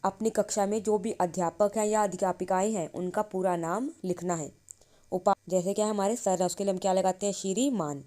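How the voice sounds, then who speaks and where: This woman has a medium pitch and a dark tone. Explaining Sanskrit grammar in Hindi, she asks her own questions and supplies the answers, stretching each syllable out as she reads.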